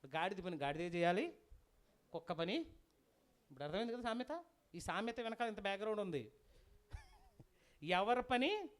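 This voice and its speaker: A guest preacher delivering a sermon with a folk tale, lively and constantly asking the audience questions. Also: medium pitch.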